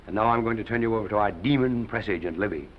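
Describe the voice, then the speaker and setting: An actor playing a wry, fatherly male studio head who gives measured advice, in a 1930s film. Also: fairly low pitch, close to an everyday voice. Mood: advising. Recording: dull 1930s film soundtrack.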